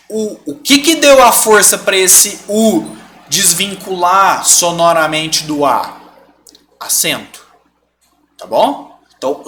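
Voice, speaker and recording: A man's voice: high voice, pushed and bright. A Brazilian man teaching a live online grammar lesson, explaining step by step, stretching out example words and often checking in with his students. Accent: Brazilian Portuguese.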